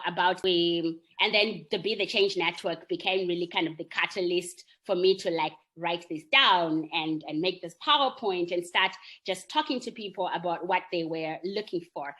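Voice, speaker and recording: A woman's voice: on the low side, pushed and bright. A young adult woman from Zimbabwe, answering interview questions in an earnest, reflective way and checking in with the listener as she goes. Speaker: marketer and employee network founder.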